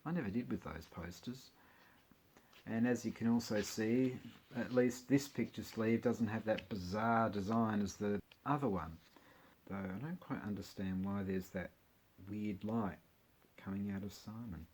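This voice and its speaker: A man's voice: on the low side, fairly even intonation, measured pace, a little mellow, slightly rough. A man chatting casually about his record collection, with wry, jokey asides. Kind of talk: casual chat while unboxing records.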